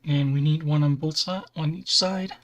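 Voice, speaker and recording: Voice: mid-range voice, steady tone, normal speed. A host chatting casually on a livestream while building a model kit, easygoing, with dry self-deprecating humor.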